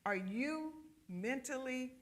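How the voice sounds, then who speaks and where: A woman's voice: high voice, expressive, slow. A woman co-leading a church group discussion on money, encouraging and echoing what others say. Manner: encouraging, echoes others' words.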